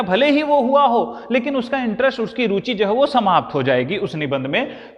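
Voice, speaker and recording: A male teacher giving a grammar lesson to a class, dictating his points slowly, word by word. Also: extremely high pitch, fairly bright tone, in a large hall.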